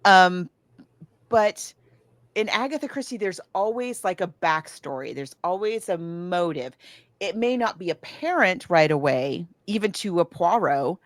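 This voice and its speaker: On a dry, clean studio recording, a woman with a lowish voice talks a little slowly. She's a podcast co-host in a casual conversation about books and films, telling rambling, animated stories and acting out the quotes.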